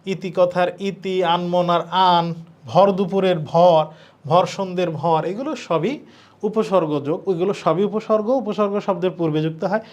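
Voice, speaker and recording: A man's voice: high-pitched, measured pace, darkish tone. A man teaching an admission-test lecture, explaining answers step by step, spelling words out letter by letter and talking straight to his students. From Bangladesh. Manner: addresses students directly, informal colloquial turns. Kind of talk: lecture solving exam questions.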